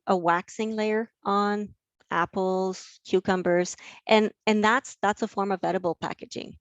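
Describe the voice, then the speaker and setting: A woman's voice: mid-range voice, no room sound. A woman giving an enthusiastic live online lecture, with frequent fillers and restarts.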